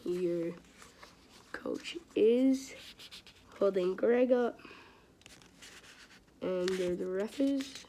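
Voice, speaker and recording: A woman with a dark, mid-range voice reads extremely slowly, leaving long pauses. As an amateur reader of a children's book, she stumbles along casually and adds chatty, informal asides. The home recording is clearly noisy, with clicks.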